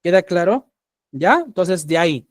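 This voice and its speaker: A man's voice: high voice, expressive, unhurried, no room sound, clean studio sound. A man with a Peruvian Spanish accent teaching English grammar in an online class, patiently checking understanding with a rising question after each point.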